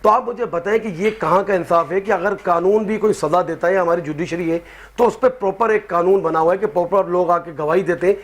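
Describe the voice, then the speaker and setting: A man's voice: high voice, fairly quick. A male party representative arguing his case on a talk show, firing off rhetorical questions. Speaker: party spokesman guest. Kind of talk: heated political debate.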